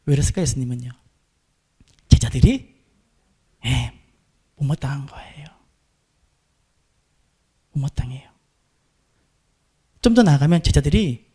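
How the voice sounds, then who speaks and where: A man's voice: high-pitched, darkish tone. A middle-aged man preaching a sermon, putting questions to the congregation and answering them himself in a dramatic, conversational way. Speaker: pastor.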